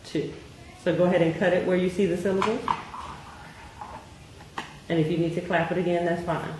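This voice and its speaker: A woman's voice: lowish voice, flat delivery. A woman tutoring a child in reading, asking patient questions and praising often. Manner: patient, encouraging, slow questioning prompts. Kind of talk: one-on-one phonics tutoring. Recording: very echoey room, faint noise.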